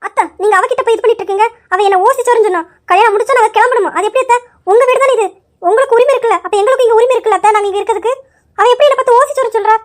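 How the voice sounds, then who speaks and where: A woman's voice: extremely high pitch, very fast, few pauses, voice pushed up. A woman voicing a rude, spoiled young woman guest in an amateur story drama, taunting and scornful. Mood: complaining.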